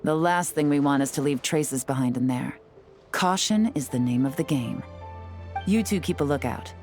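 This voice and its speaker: In a video game cutscene, a woman voices a cool, composed secret agent who speaks calmly, measuredly, and with quiet confidence. Her deep voice sounds close to everyday speech, and soft music plays in the background.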